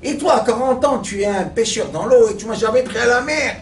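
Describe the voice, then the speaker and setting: A man putting on a sulking fisherman's wife who quietly reproaches her husband. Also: extremely high pitch, brisk, a little hiss or hum. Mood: reproachful. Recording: echoey room, mic far off.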